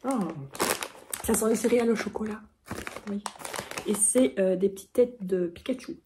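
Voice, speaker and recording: A woman vlogging an unboxing in a casual chat, bubbly and excitable, often breaking into giggles. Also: mid-range voice, normal speed, slight background noise.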